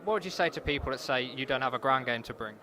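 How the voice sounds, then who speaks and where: A man's voice: medium pitch, quick pace, sharp tone. A man working as an interviewer, asking conversational questions about sport. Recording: crowd chatter behind, urban venue.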